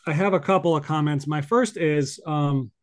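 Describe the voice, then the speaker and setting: Wry, halting male guest. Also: fairly high pitch. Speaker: film and tv analyst guest. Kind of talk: casual chat.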